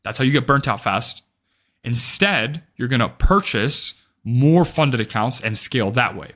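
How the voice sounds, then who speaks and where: Animated and unhurried, this man's medium, fairly bright voice carries a direct-to-camera advice talk. He's a day trading vlogger of around twenty, blunt and emphatic, who swears a lot and frequently ends points with "right?".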